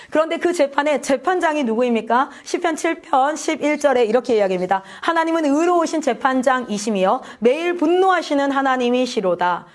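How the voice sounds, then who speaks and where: A woman missionary preaching a sermon at a prayer meeting, asking the congregation questions and calling out hallelujahs. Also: high-pitched.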